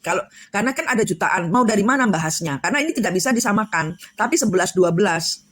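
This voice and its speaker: A woman's voice: mid-range voice, lively intonation, quick pace, dry recording. A woman giving a spiritual coaching talk, rambling with many fillers and restarts. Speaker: tarot reader and spiritual coach. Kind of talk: casual spiritual chat.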